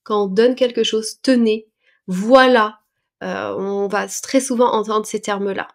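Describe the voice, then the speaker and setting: A woman's voice: mid-range voice, animated. A woman teaching a French lesson, patiently explaining words and expressions step by step, with small hesitations as she goes. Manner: patient, breaks words down slowly with fillers.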